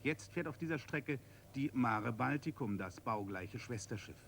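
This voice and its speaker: A man's voice: mid-range voice, animated, moderate pace, a bit bright. Guy narrating a tv documentary, clipped sentences, mid voice, bit of background noise.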